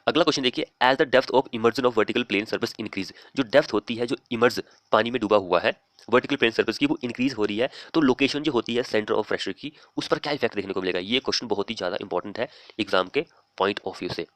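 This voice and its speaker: A male teacher reading exam questions aloud slowly and explaining each answer in a plain, steady way. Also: on the low side, no echo. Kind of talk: screen-recorded exam lesson.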